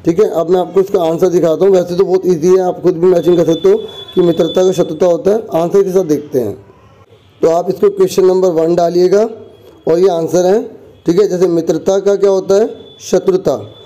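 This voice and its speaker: A man's voice: high voice, steady tone, fairly quick, dark tone, poor audio. A male teacher in a recorded lesson, explaining step by step, asking the children questions and saying "ठीक है" often.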